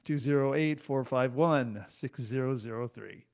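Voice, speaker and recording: Relaxed man guesting on a radio show. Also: mid-range voice, a little slow. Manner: relaxed and joking. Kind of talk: casual radio chat.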